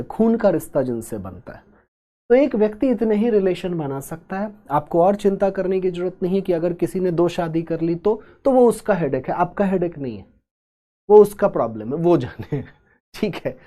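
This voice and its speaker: A man teaching an exam-prep class, explaining step by step at a slow, deliberate pace and adding joking asides to his students. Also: sits high, sing-song, dark tone.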